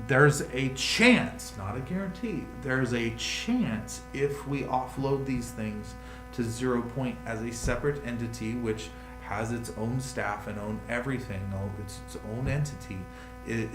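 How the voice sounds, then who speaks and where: A man hosting a livestream, reading news headlines aloud and riffing on them in a rambling, casual way. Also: mid-range voice. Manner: rambling, reads headlines then riffs. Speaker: livestream host. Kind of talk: casual crypto news chat. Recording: echoey room with music behind.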